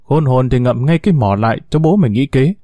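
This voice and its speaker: A man's voice: medium pitch, lively intonation, a little fast, no echo, studio quality, lightly acted. A man voicing a domineering village father who hurls insults and threats at his wife and the kidnappers. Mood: raging. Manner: shouting insults, hissing threats. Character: hot-tempered domineering father, coarse and threatening.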